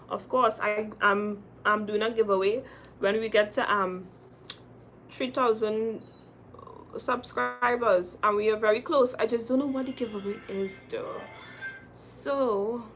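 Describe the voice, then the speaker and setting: Reading comments from her viewers, a young adult woman with a Trinidadian accent chats casually while hosting a makeup livestream. Her fairly high voice is unhurried, with a little hiss or hum in the recording. She repeats phrases for emphasis, keeps a lively, chatty tone, and calls her audience "girl" and "sis."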